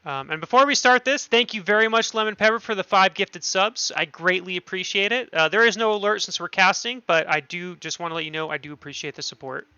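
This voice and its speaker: A man's voice: high voice, fairly quick, hardly any pauses, pushed and bright, clear, resonant tone, no room sound, highs cut off. A man casting an esports match on his stream, chatty and thinking aloud, often correcting himself. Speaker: streamer and caster. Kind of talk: esports commentary.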